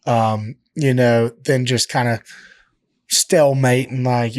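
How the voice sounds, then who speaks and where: A professional fighter tells stories as a guest on a casual podcast, rambling and swearing freely, with a steady stream of filler words. His voice sits at an ordinary male pitch. The sound is close and dry, with no room in it. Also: slow, no room sound. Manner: profane, rambling storytelling, heavy filler words. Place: podcast studio.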